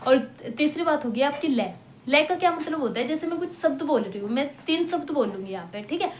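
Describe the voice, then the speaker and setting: Woman teacher, kinda high voice, talks patient and slow on examples, keeps checking you got it, roomy echo and faint hum behind. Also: animated. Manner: explains patiently, repeats example words slowly, checks in with listeners. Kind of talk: classroom-style lecture. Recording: echoey room with faint hum.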